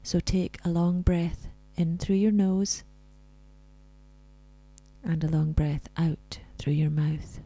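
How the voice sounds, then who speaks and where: A woman leading a scripted guided relaxation in a soft, soothing, breathy spa-like voice that comes close to a whisper. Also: sits low, low-quality recording.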